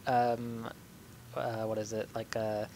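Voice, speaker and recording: A man's voice: fairly low pitch, completely flat delivery, slow, darkish tone, slight background noise. A young man hosting a casual gaming podcast, loose and joking, laughing often and trailing off with fillers. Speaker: podcast host.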